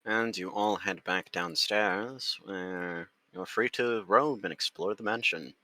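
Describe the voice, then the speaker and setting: Low bright-toned male game master. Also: takes it slowly, dry recording, poor audio. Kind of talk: narrating a tabletop game.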